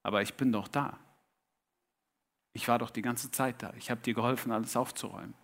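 A man voicing God as a calm, gentle guest who quietly reassures a man, in a told story. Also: mid-range voice, brisk, pitched below the performer's own voice, close to an everyday voice.

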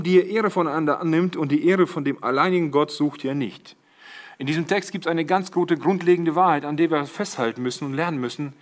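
A middle-aged man preaching a sermon, addressing the congregation as siblings and quoting Jesus with rising emphasis. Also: fairly high pitch.

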